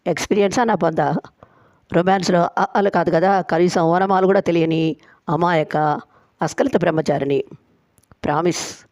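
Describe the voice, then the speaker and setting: A woman's voice: fairly low pitch, steady tone, normal speed, pauses often, darkish tone, dry recording, close to an everyday voice. A woman storyteller voicing a boastful, playful young man who agrees to every condition.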